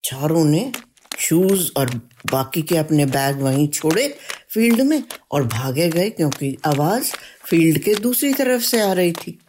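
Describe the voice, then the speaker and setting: A woman's voice: low-pitched, lively intonation, a little slow, a little hiss or hum. A woman telling a children's story in a chatty way, often asking the listener questions. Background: soft guitar music.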